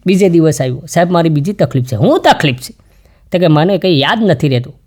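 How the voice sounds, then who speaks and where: A man with a Charotar Gujarati accent telling folksy jokes on stage, switching into high, shouty voices for his characters. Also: expressive, quick pace. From Gujarat, India. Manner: acts out characters with sudden jumps to a high shouting voice. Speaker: stand-up comedian. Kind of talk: folksy joke-telling to a live audience.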